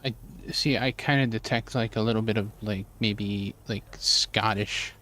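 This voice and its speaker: A man commenting casually over a game he is streaming live. He rambles and thinks aloud, piling up fillers, in a somewhat low voice. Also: steady tone, unhurried, pushed and bright. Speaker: gaming streamer.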